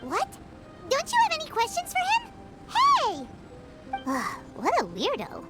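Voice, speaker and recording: A tiny excitable fairy sidekick for a video game. The voice is extremely high, squeaky and childlike, swinging wildly in pitch, with music playing behind it. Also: female voice, unhurried, full character voice. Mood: indignant. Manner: exclamatory, speaks of self in third person. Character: small excitable childlike floating fairy companion, female.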